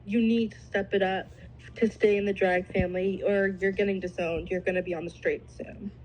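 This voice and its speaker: A woman's voice: mid-range voice, fairly even intonation, brisk, darkish tone, slight background noise, rough recording. A woman from Canada talking as a podcast guest, blunt, profane and playful. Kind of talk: casual chat.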